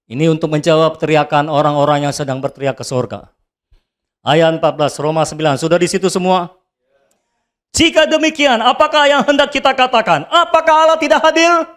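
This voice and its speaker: A male pastor preaching a sermon, asking the congregation rhetorical questions and swinging between quiet talk and shouted answers. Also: fairly high pitch, brisk.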